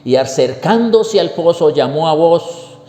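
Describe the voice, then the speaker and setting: A man preaching a sermon, telling the story slowly and emphatically with repeated phrases. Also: fairly high pitch, lively intonation, mellow, echoey room, long reverb tail.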